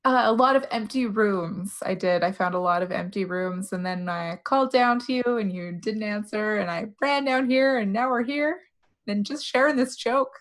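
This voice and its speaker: A woman's voice: mid-range voice, moderate pace. A young woman playing a tabletop game in character, dry and sarcastic. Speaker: player.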